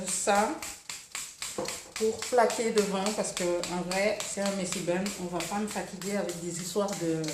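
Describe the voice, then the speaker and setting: A woman from Senegal chatting casually through her morning routine in a lifestyle vlog, relaxed and talkative. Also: mid-range voice. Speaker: lifestyle vlogger. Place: room at home. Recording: echoey room, faint noise.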